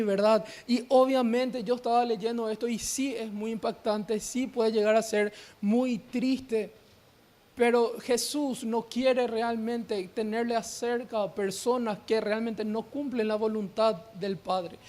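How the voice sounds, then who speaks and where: A man from Paraguay preaching to a young congregation in a very high voice. He throws out rhetorical questions and answers them himself, then drags out the words he wants to land. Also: a little mellow. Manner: quick, emphatic preaching that slows sharply on key words. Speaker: youth pastor. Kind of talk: sermon.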